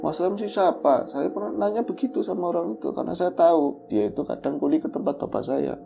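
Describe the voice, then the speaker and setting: A man telling a horror story in casual chat, animated and acting out the voices of the people in it. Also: a little high, fast, gravelly, soft background music. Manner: animated, acts out quoted voices. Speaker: guest storyteller.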